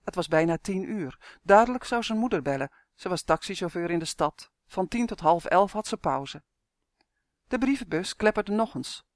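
A calm audiobook narrator reads a children's story at a steady, measured pace. The voice sits mid-range, and the recording is dry and close with no room sound. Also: mid-range voice, dry recording. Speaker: audiobook reader. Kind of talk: scripted narration.

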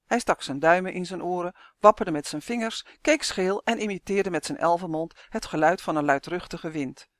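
A woman's voice: on the low side, no echo, clean studio sound. Woman reading a children's story aloud. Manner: measured, expressive storytelling. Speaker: narrator. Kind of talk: audiobook narration of a children's story.

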